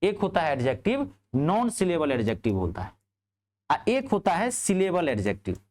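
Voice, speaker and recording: A man teaching a grammar class in speech, asking his students checking questions and answering them himself. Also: moderate pace. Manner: lively, rising on questions and dropping low on answers.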